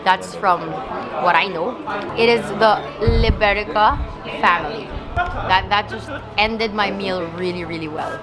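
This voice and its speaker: A woman's voice: medium pitch, measured pace, loud music behind the voice, a loud crowd. A young woman from the Philippines chatting casually as a travel vlogger, playful and easily delighted. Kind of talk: casual travel vlog narration.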